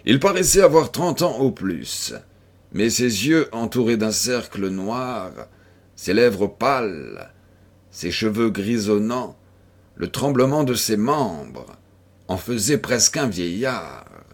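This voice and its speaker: Slow, husky male audiobook narrator. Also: on the low side, sing-song. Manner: measured, storytelling. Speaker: audiobook reader.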